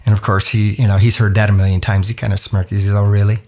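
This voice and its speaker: A man telling a personal anecdote in a casual, conversational way, with lively asides and self-corrections. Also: on the low side, fast talker. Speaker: storyteller. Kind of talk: casual spoken storytelling.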